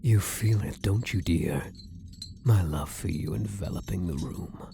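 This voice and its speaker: In an intimate ASMR roleplay, a man voices a coy, possessive elf prisoner who is teasing, devoted, obsessive and adoring. His low voice is warm with vocal fry and a slight hiss or hum. He speaks slowly in a lilting way, sometimes sinking into a whisper.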